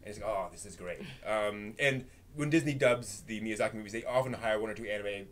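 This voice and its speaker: A man hosting a live stream chats casually and jokes around in a relaxed group discussion. His voice is fairly low and he speaks fairly quickly. Background noise and ambience come through clearly.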